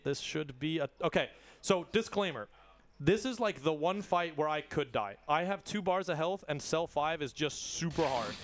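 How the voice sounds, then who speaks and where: Young-sounding man, casual speedrun commentary. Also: fairly high pitch. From not Australian. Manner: casual, excited, talks fast between game moments. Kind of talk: live commentary while playing. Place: live event stage. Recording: game music playing behind.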